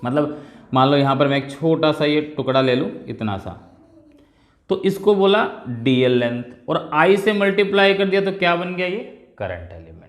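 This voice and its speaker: A man teaching physics as a class lecture, explaining step by step and repeating the key terms. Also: on the high side. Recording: echoey room.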